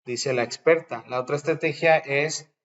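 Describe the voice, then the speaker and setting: A man's voice: fairly high pitch, moderate pace. Bilingual man teaching English grammar. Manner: explains patiently, switches between Spanish and English examples. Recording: dull lo-fi recording.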